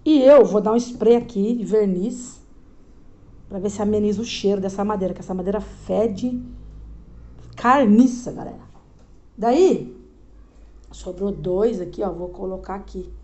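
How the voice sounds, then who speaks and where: Unhurried and pausing often, a woman in her forties speaks in a dark-toned, mid-range voice with the Minas accent of Brazilian Portuguese. The Minas Gerais native is a vlogger loosely chatting to viewers in a casual home vlog, filmed in bed on a close-held phone camera.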